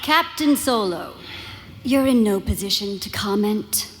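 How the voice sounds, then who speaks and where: An actress playing a commanding young princess who leads rebels in a live audio drama, authoritative and earnest. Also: female voice, medium pitch, expressive, measured pace, slight background noise, lightly acted. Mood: stern.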